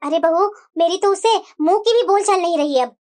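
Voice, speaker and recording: A voice actor playing a stern older mother-in-law in a cartoon, lecturing slowly and firmly. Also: very high-pitched, darkish tone, voice pushed down. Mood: stern advising. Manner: slow, measured, lecturing. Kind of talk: cartoon voice acting.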